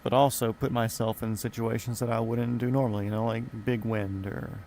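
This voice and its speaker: A man live-streams a flight simulator from his home gaming room, chatting into a desk mic in a rambling, offhand, profane way. His mid-range voice is warm with little pitch movement and a normal speed, and there's slight background noise.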